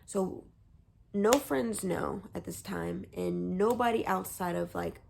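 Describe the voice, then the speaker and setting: A woman's voice: on the low side, takes it slowly, vocal fry, a little mellow, slight background noise. A young woman telling a personal story to camera in a rambling, hesitant way with many fillers. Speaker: vlogger.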